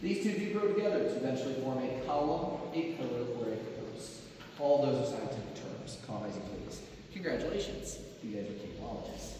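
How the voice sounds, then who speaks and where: A man's voice: medium pitch, lively intonation, fairly quick. A man working as a cave tour guide, giving a rehearsed, instructive talk sprinkled with dry jokes, heard from a distance. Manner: joking, instructive. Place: inside a large cave. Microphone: picked up at a distance by a visitor's recorder. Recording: very echoey cave, off-mic, noisy.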